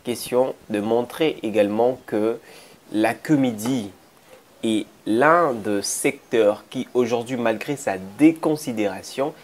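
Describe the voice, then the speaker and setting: A man with a Congolese accent giving spoken commentary as a presenter, halting and repeating phrases for emphasis. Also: medium pitch. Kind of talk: spoken commentary introducing a clip. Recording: faint background noise.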